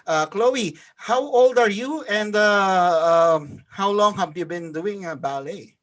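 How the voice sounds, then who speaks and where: A man's voice: sits high, slow, fairly bright tone. Easygoing male co-host. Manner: easygoing, frequent short agreements. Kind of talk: casual live-show interview.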